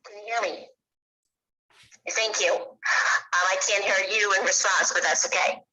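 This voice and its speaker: A woman's voice: medium pitch, fairly even intonation, bright, forceful tone, low-quality recording. A woman chairing a volunteer committee, speaking hesitantly in an online meeting over a bad connection relayed through another caller's phone. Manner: hesitant, halting, many pauses and fillers. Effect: bad connection, relayed through another caller's phone and laptop. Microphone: video call.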